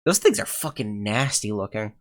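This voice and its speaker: A man's voice: on the low side, big pitch swings, normal speed. A man hosting a let's play with casual, sweary, reactive commentary.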